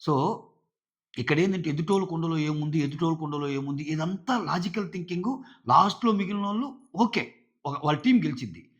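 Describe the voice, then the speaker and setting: Opinionated male reviewer, chatty, fairly high voice, dull lo-fi sound. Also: expressive, a little fast. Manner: chatty, opinionated, mixes English phrases. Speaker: reality show reviewer. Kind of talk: casual spoken commentary.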